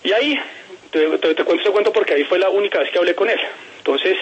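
A man's voice: sits high, fast, breathy edge, dull audio. A man telling a personal story in an interview, emphatic and repeating words as he quotes people.

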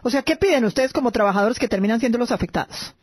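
A woman hosts a radio news interview, asking pointed questions and often pausing on hesitant fillers. Her voice sits a little high, recorded dry and close in a studio. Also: animated, husky, dry recording. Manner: probing, many hesitation fillers.

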